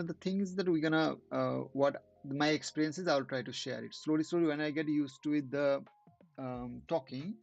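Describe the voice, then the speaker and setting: In halting English full of restarts, this non-native speaker runs a trading channel and offers casual remarks on live charts. His voice is mid-range and gravelly, captured on lo-fi audio.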